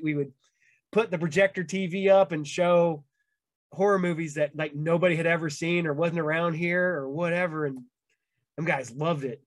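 A man with a high-pitched voice tells long, rambling stories in a relaxed podcast chat. He talks with many fillers and little laughs. The recording is close and dry, with no room sound. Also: dry recording. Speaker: podcast host. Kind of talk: casual storytelling chat.

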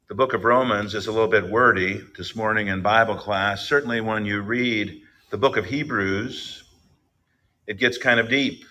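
A man's voice: lowish voice, sharp tone. A middle-aged male pastor giving a sermon, reading scripture with emphasis and then explaining it in a plainer tone.

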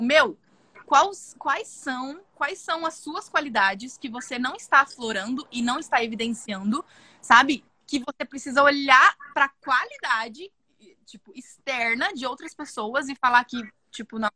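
A young woman, talking in a loud, intense and expressive way in a casual podcast chat. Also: high-pitched, normal speed, no room sound. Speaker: podcast guest.

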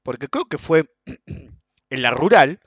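An Argentine man hosts his podcast with loose, chatty storytelling. His fairly high voice swings widely in pitch, and he keeps clearing his throat and chuckling between remarks. The sound is muffled and lo-fi, with a dry, close feel. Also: sing-song, takes it slowly, no echo. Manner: frequent throat-clearing, chuckles through the telling. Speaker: podcast host. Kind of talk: casual anecdotal storytelling.

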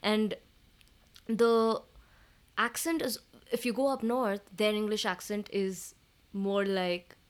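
A woman's voice: mid-range voice, fairly even intonation, slow pace, long pauses. South indian lady just chatting, explaining stuff, south indian accent. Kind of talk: casual conversational discussion.

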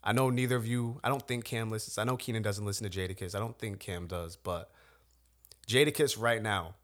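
A man co-hosting a podcast, arguing his point at length in casual chat, animated and swearing freely. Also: fairly low pitch, a little fast. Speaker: podcast co-host.

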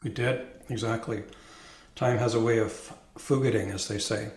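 A man's voice: lowish voice, fairly even intonation, normal speed, echoey room. A middle-aged or older man with a Canadian accent, hosting casually in a wry, wordy, hesitant conversational style. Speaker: podcast host.

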